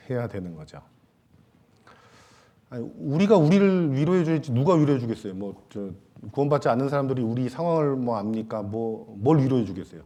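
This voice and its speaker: A man preaching a Sunday sermon in a church, with a mellow, relaxed tone. He talks casually with the congregation, tosses in light jokes, and trails off into soft fillers between thoughts. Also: mid-range voice. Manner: casual, joking asides to the congregation; many hesitation fillers, trailing off softly. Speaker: pastor. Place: church sanctuary.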